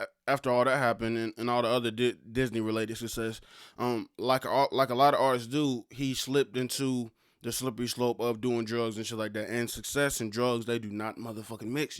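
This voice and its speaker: A young man hosts a solo podcast in a mid-range, clear, resonant voice, recorded with studio quality and no echo. He talks loosely in rap-fan slang, stammering and stumbling over repeated words in this casual monologue.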